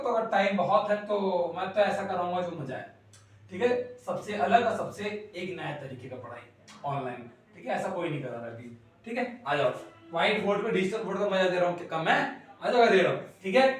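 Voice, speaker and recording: A man teaching an online class, playful and rapid, repeating questions and teasing his students. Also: sits high. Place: classroom with whiteboard. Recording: loud echo, voice from a distance.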